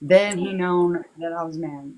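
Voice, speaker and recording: Lower-voiced woman, halting and heartfelt. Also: a little mellow, a little hiss or hum, rough recording. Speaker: interview guest, victim's relative. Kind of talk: casual personal recollection.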